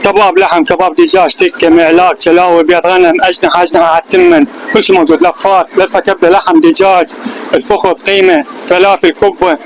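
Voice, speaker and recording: Male restaurant owner, Iraqi Arabic accent, high register, rapid casual listing delivery. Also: flat delivery, noisy background. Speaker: grill restaurant owner being interviewed. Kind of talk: casual interview answers, listing items.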